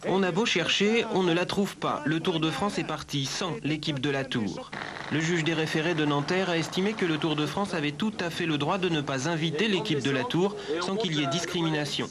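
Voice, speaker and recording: A man presenting a regional news roundup in a measured, crisp reporting voice. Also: fairly high pitch, a loud crowd. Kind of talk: news narration.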